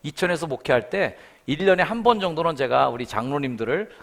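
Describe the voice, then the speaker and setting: A middle-aged man preaching a sermon in a church, his pitch leaping up and down as he tells stories. His voice sits a little high for a man, and he slips into the voices of the people he quotes. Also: fast talker, gravelly. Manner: animated storytelling, acting out quoted voices. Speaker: guest revival preacher. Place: church sanctuary.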